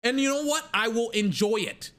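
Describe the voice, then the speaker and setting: A sports commentator in a full angry rant, swearing freely. The voice is bright and cutting. Words tumble out fast and heated. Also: medium pitch, expressive. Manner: angry, profane, fast ranting.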